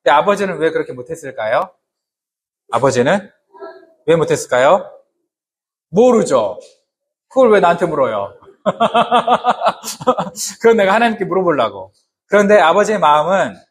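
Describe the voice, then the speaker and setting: A man's voice: fairly high pitch, a little hiss or hum. A man preaching a sermon to his congregation in a conversational way, often asking them questions and adding humorous asides. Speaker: pastor.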